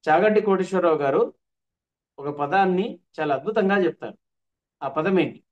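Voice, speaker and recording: A man's voice: high-pitched, brisk, muffled recording. A man teaching an online workshop, repeating his points with emphasis. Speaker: trainer.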